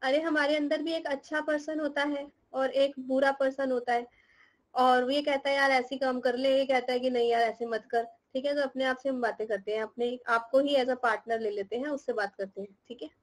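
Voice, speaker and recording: A woman's voice: sits high, fairly even intonation, normal speed, rough recording. A young woman teaching a class, explaining terms, teasing and scolding her students with questions and laughing often. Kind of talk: live class lecture in Hindi mixed with English.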